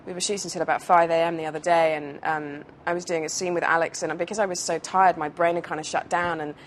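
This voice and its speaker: British actress, lower register, chatty and rambling with fillers, faint background noise. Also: female voice, fairly even intonation, quick pace. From United Kingdom. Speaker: actress being interviewed. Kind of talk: casual interview chat.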